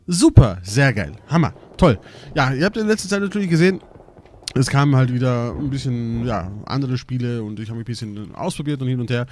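A young German man doing live gameplay commentary, excitable and swearing a lot, with bursts of shouting while mostly keeping his voice down. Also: mid-range voice, fast, slight background noise. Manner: holds his voice down at night. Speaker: let's play gamer.

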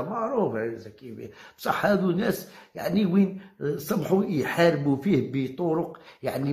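Fast-talking Algerian man ranting in an echoey room. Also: on the high side. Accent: Algerian Arabic. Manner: combative, repeats phrases, challenges listeners. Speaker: football commentator vlogger. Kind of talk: heated monologue to viewers.

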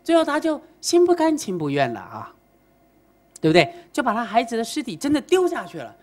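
A woman giving a Buddhist dharma talk, telling a story in an animated way and often asking the audience rhetorical questions. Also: fairly high pitch, a little fast. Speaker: Buddhist lecturer.

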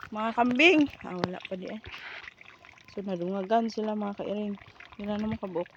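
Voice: medium pitch, level tone, brisk, darkish tone. A vlogger walking around a farm with animals, chatting casually, teasing and joking and calling out to the animals. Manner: playful, teasing, jokes and then takes it back, calls out to animals. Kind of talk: casual vlog narration while walking around. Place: outdoor farm with camels, goats and birds. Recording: windy, dull outdoor phone audio.

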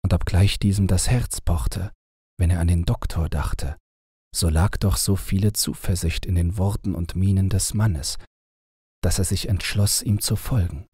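A man narrating a fairy tale audiobook in a calm, even, unhurried reading style. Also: sits low, breathy edge, no room sound, studio quality.

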